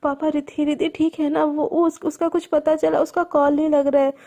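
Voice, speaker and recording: A woman's voice: sits high, little pitch movement, fairly quick, warm tone. A woman voicing a distraught young woman pleading for news of her partner. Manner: broken, pleading.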